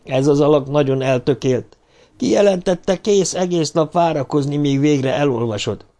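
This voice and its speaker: A man's voice: fairly high pitch, warm tone, pitched above the performer's own voice, close to an everyday voice. A man voicing a loyal, aging male assistant who answers deferentially, in an audiobook reading. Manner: deferential, explaining.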